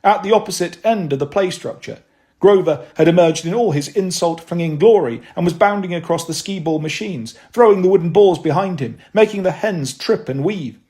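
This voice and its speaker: A man's voice: high-pitched, moderate pace, mellow. A man reading a first-person novel aloud, with a wry, dry delivery. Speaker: audiobook narrator.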